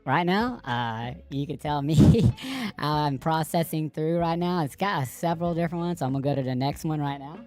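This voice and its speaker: A man talking casually on a live stream through a voice changer that shifts his voice higher. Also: lively intonation, moderate pace, darkish tone, soft background music. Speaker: streamer reviewing audio gear.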